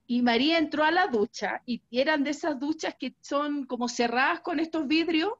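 A woman with a Chilean accent, a participant in an online training, tells an animated story and often quotes voices. Her voice sits a little high. The audio sounds dull and lo-fi, like an online call. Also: moderate pace. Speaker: workshop participant.

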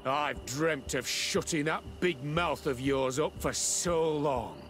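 An actor playing a ruthless, scornful military officer villain in a video game. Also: male voice, fairly high pitch, slow, music in the background. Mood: cold contempt. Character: ruthless, scornful male officer villain running a brutal camp.

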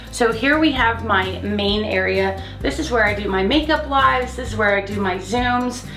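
A woman's voice: a little high, fairly bright tone. Bubbly woman vlogging a home tour. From Florida. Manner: bubbly, chatty, enthusiastic. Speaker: vlogger host. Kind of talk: casual home tour vlog. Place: home office, indoors, small room. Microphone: handheld camera at arm's length.

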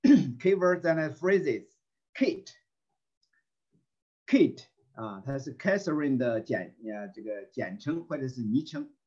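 A man conducts a volunteer English class over an online call, reading phrases slowly, repeating them, and using plenty of fillers and throat clearing. His medium-pitched voice has lively intonation and a dark tone, and the audio is dull.

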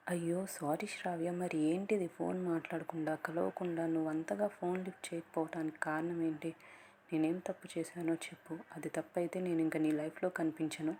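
A woman reading as a young man in a storybook romance, hot-tempered yet tender underneath. He pleads and apologizes in a low, level voice that barely rises or falls. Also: little pitch movement, a little fast, mellow, slight background noise. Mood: pleading.

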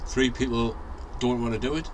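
At a moderate pace and medium pitch with fairly even intonation, a forties-aged man from North East England with a Northeast English accent rambles casually to a handheld camera, full of ums and restarts. He vlogs from his outdoor allotment garden, then indoors in a shed on a fixed camera, with outdoor ambience of traffic and sirens.

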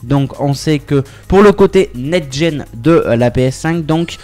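A man's voice: on the high side, animated, a little slow, darkish tone, soft background music. Young man chatting through a tech update. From southwest France. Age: 20s. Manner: chatty, hesitant, full of filler sounds and restarts; addresses viewers as friends. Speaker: tech YouTuber. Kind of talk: casual tech news vlog.

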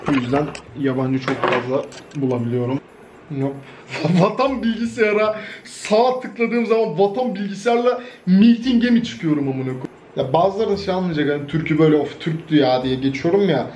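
A man's voice: sits high, normal speed, darkish tone, slight background noise. A young man from Turkey chatting casually in a vlog, joking, swearing freely and laughing often. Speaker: YouTuber.

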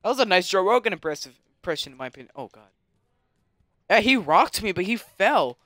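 Excitable male gamer, lively swinging pitch, dry close-mic sound, casual let's-play commentary. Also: a little fast, no room sound. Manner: excitable, yells sound effects and taunts. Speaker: gaming commentator.

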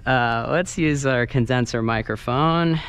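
An unhurried, slightly bright, medium-pitched male voice leads a casual first-person tutorial, a sound engineer talking informally while working. The noisy ambience of the large carpeted banquet hall with its wooden dance floor is clearly audible.

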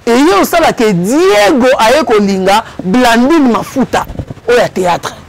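Brief: man, high voice, lively storytelling guest, faint background noise. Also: unhurried, vocal fry. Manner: lively, switches between Lingala and French. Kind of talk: animated storytelling.

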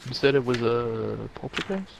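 A man with a lively, swooping voice reports meter readings while playing a ghost-hunting game. His delivery jumps from flat updates to jittery reactions. Loud crowd-like chatter sits behind him. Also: mid-range voice, moderate pace, vocal fry. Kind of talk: casual gaming chat.

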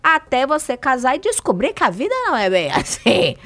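Lively Brazilian woman telling funny stories. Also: high voice, brisk. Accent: Brazilian Portuguese. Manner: lively humorous storyteller. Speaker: guest, sexuality physiotherapist. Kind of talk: casual podcast chat.

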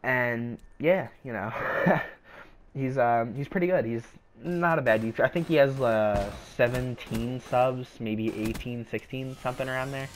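His voice is mid-range and paced normally, though raspy from a sore throat, as the young YouTuber offers rambling, hesitant gameplay commentary stuffed with fillers.

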